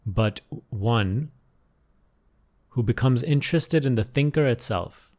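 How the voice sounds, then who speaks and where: This is a mid-range male voice leading an improvised guided meditation in a teacher's role. The guidance is gentle and unrushed, marked by pauses and repetition.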